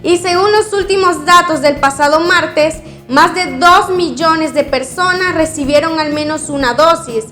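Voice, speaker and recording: A woman news anchor reading scripted headlines in a formal, crisp way. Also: very high voice, unhurried, hardly any pauses, bright, forceful tone, faint music behind.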